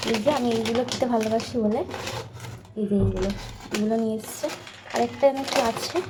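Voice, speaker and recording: A woman's voice: on the high side, background noise. A woman chatting casually to her viewers in a home vlog, talking through her kitchen chores. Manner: chatty, talks softly while the baby sleeps. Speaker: home vlogger.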